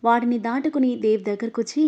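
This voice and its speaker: A woman's voice: fairly high pitch, fast talker. Woman narrating an emotional story. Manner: reads all the characters, her voice rising louder in angry lines. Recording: dull, lo-fi audio.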